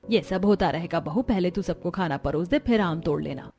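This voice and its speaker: A woman voicing the mothers-in-law and daughters-in-law of an animated story, with an expressive, bickering delivery. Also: fairly low pitch, moderate pace. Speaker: voice actor for several cartoon characters. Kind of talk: cartoon character dialogue.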